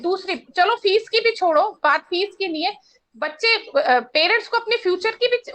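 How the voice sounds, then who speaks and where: A woman's voice: very high-pitched, sharp tone. A woman speaking as a panel guest, insistent and argumentative. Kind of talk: panel discussion.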